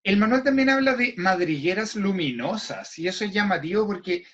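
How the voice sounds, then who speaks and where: A man's voice: sits high, animated, brisk, a bit bright, muffled recording. A man from Chile hosting a tabletop roleplaying-game show, talking in a playful, conversational and enthusiastic way. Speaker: host. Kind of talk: explanatory roleplaying-game chat.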